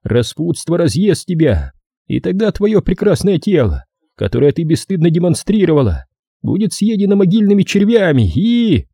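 A fanatical male caller rants moral threats down the phone in a raised, husky voice, performed by a male reader. The tone stays dark and close, in a dry recording. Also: high-pitched, very animated, normal speed, no room sound, voice pushed up, full character voice. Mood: menacing. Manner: ranting, moralizing.

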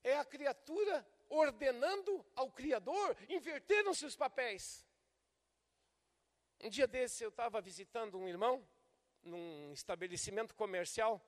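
An older man, a pastor preaching a sermon and swinging from soft to loud. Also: very high voice, lively intonation, unhurried. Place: church service. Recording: long hall reverb from a church.

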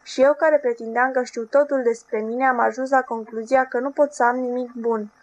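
A woman with a somewhat high voice reads a literary novel as an audiobook. She keeps an even, measured narrating tone throughout.

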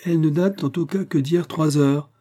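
A man's voice: fairly high pitch, moderate pace, warm tone, voice pushed up, lightly acted. A man voicing a witty, self-assured young heiress in an audiobook reading, teasing and ironic.

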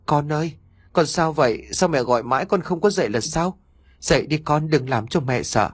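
A worried older mother-in-law frets and pleads in a lifted voice, as a man reading the story puts her on. The tone is husky and dry. She sounds tender but can't settle her nerves. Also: a little high, animated, moderate pace, no room sound, voice pushed up. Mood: anxious pleading. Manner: pleading, anxious. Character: frantic aging mother-in-law, fretful and tender.

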